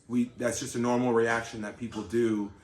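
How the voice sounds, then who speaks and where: A man co-hosting a casual chat, explaining things in a relaxed, rambling way with many fillers. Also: mid-range voice, normal speed. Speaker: channel co-host, parent. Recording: roomy with faint background noise.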